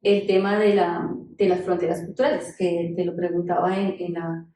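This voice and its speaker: Female researcher, warm dark tone, conversational seminar speech, heavy room echo. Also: fairly low pitch, little pitch movement, normal speed, a little hiss or hum. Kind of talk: conversational academic discussion. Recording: very echoey room.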